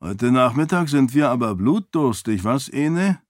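A man voicing an older king and father in an audiobook, speaking in a dry, gently teasing way. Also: mid-range voice, animated, unhurried, no echo, pitched above the performer's own voice, natural voice. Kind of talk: audiobook character voice.

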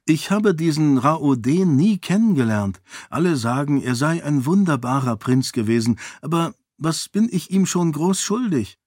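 A man voicing a sharp, proud young princess in an audiobook, speaking briskly and defiantly. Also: on the high side, animated, no room sound, clean studio sound, pitched above the performer's own voice. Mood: indignant.

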